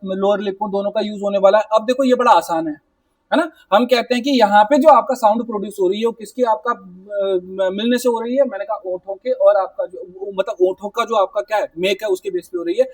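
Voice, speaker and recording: A man teaching a Hindi grammar class for exam preparation, explaining patiently and repeating checks like "right?", sounding out letters slowly. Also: high voice, no echo, recorded from a distance. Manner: explanatory, repetitive, mixes English words, says "ठीक है" and "है ना" often. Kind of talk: exam-prep classroom lecture.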